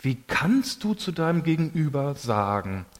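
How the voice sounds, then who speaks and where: A man preaching a sermon to a congregation in a casual, colloquial way, with lively emphasis. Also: a little high, moderate pace.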